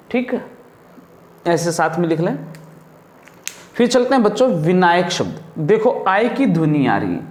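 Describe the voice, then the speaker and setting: A man's voice: high voice, roomy sound, a little hiss or hum. A male teacher from India giving a classroom lesson, asking his pupils questions and then answering them himself. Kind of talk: classroom lesson on Hindi grammar.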